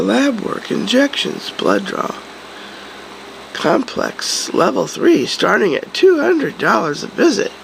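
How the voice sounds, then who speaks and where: Hoarse, congested middle-aged woman, low and gravelly. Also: a little hiss or hum, poor audio. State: sick with a cold, congested and hoarse. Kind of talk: casual vlog chat. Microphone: phone or camera at arm's length.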